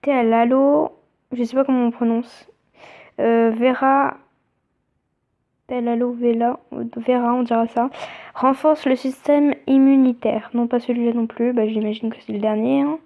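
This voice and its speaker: Young woman, let's play commentary, casual, thinks out loud, high pitched, tinny audio. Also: steady tone, moderate pace. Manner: chatty, reads game text aloud, thinks out loud. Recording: tinny phone-like sound.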